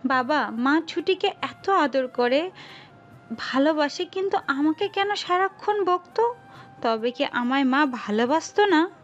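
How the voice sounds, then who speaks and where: A woman voicing a sensitive young daughter who speaks in slow, plaintive questions. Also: high voice, lively intonation, lo-fi sound, soft background music. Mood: hurt.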